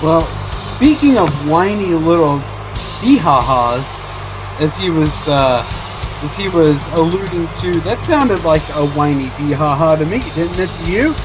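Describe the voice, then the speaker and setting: A man gives color commentary on a wrestling show, stumbling and restarting as he chuckles at the action. His voice is fairly high, and clear music plays in the background. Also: expressive, unhurried, low-quality recording. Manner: hesitant, amused, lots of restarts.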